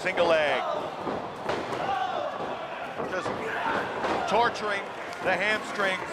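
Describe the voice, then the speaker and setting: A man doing excited, emphatic play-by-play as a professional wrestling commentator, in short punchy calls. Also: sits high, drawn-out words. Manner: emphatic, punchy calls that rise to shouts at big moves. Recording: loud arena crowd noise behind commentary. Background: cheering crowd and ring slams.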